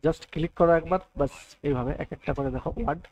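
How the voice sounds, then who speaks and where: Fast-talking man teaching software, lo-fi sound. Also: fairly high pitch, no echo. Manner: explains step by step, often adds "thik ache" and "right". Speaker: computer tutor. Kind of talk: screen-recorded software tutorial.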